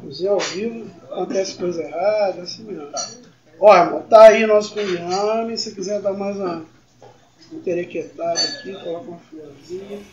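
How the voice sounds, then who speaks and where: Heard from a distant mic, a high-pitched, middle-aged chef with a Brazilian accent coaches an apprentice at a moderate pace, using slangy, casual, practical language. It's a bustling indoor restaurant kitchen, and the pickup is echoey, muffled and noisy under the loud clatter of dishes and pans.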